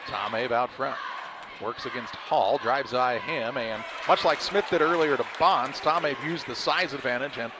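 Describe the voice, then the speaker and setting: A man calling a high school basketball game in quick, clipped play-by-play. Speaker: play-by-play announcer. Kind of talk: live sports commentary. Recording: crowd noise and gym ambience behind.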